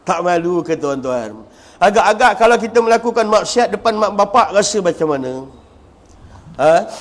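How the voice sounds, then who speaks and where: A middle-aged man giving a humorous religious lecture, acting out scenes with mimicry and sound effects and bursting into shouts for emphasis. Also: high-pitched, animated, normal speed. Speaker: religious teacher.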